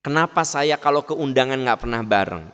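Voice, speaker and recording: A man voicing a humble, devoted father who speaks softly and earnestly. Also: medium pitch, animated, brisk, clean tone, lightly acted. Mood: earnest, pleading. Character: humble devoted middle-aged father, quietly pleading. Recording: long mosque hall reverb.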